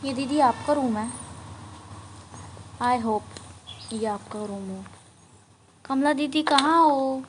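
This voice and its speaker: Slow, chatty Indian woman gaming host. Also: sits high, slight background noise. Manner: chatty, teasing the ghost, slips into English. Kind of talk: playing a horror game on camera.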